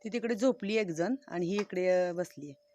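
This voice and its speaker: A woman's voice: lowish voice, normal speed, warm tone. A woman vlogging casually outdoors on a farm, chatting homely and directly to her viewers. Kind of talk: casual farm vlog narration.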